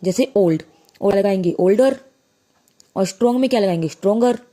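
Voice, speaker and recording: A woman teaching a grammar lesson, slowly explaining and asking and answering her own questions. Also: medium pitch, dark tone.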